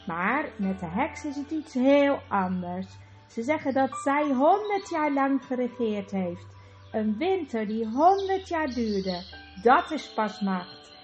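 A woman's voice: on the high side, sing-song, slow pace, soft background music, low-quality recording. A woman voicing a bitter, defiant male dwarf who argues with scorn and snaps. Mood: scornful. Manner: scornful, snapping, rising to shouts.

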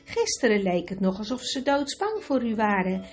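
A woman's voice: medium pitch, sing-song, normal speed, natural voice. Woman doing an earnest young girl.

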